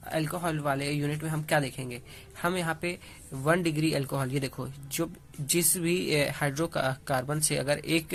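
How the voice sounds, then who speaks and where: A young male tutor talks students through a chemistry lesson step by step. His voice sits a little high for a man. He keeps pausing to check that they are following along. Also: a little hiss or hum. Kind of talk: casual classroom explanation.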